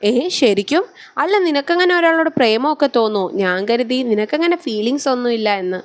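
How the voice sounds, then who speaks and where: Lady reading a sweet gentle young bride, soft and affectionate, highish, dry close sound. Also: lively intonation, fairly quick, no echo, lightly acted. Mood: amused.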